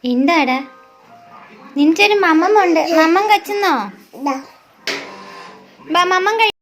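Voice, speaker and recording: A woman's voice: extremely high pitch, expressive, slow pace, fairly bright tone, faint music behind. A mother talking to her toddler in sing-song baby talk, coaxing her and asking the same questions over and over.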